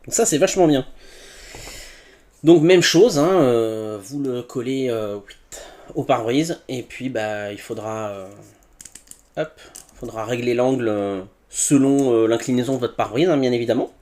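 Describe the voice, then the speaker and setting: Guy unboxing a gadget, rambly, lots of euh and hop, medium pitch. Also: measured pace, mellow. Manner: chatty, thinks aloud with fillers and sound words. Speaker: tech reviewer. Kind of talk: casual unboxing commentary.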